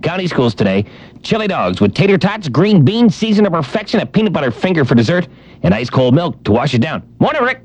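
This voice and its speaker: A man's voice: fairly high pitch, big pitch swings, a little fast, a little mellow, husky, highs cut off. A man hosting a morning radio show, joking and rattling off times, weather and scores.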